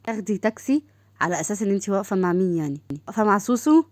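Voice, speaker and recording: A woman voicing a teasing, joking young man, fast and dry. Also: mid-range voice, expressive, darkish tone, dry recording, close to an everyday voice.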